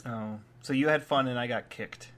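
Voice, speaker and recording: Bright-voiced young man, casual podcast chat. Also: mid-range voice, moderate pace. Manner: laid-back, joking, filler-heavy. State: sick. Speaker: podcast co-host.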